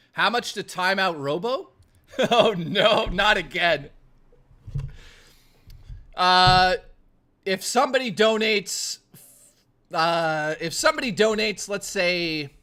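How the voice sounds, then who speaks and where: A male live streamer with a bright, forceful voice pitched a little high, talking casually to his chat. He jokes, swears freely and teases the people in it. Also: animated, slow, long pauses. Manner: profane, joking, teasing; reads and answers chat.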